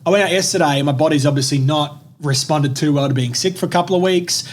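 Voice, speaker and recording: An energetic young man with a fairly high voice speaks emphatically on a motivational podcast. He swears casually as he talks. Faint noise hums behind him. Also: fast. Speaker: podcast co-host.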